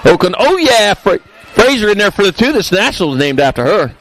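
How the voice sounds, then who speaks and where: This race announcer has a high-pitched, fairly bright voice with big swings in pitch. He fires off rider names and results live, tossing in jokey remarks, and the recording quality is low.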